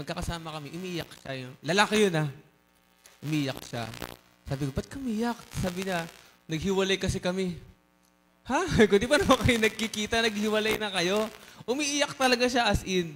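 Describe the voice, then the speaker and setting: A man preaching a sermon in a lively, teasing way, mixing in English phrases and joking asides to the congregation. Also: a little high, slight background noise. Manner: mixes Tagalog and English. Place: church service.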